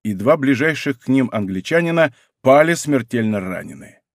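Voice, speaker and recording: A man's voice: mid-range voice, normal speed, no room sound, studio quality. Man narrating an adventure audiobook. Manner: expressive, theatrical.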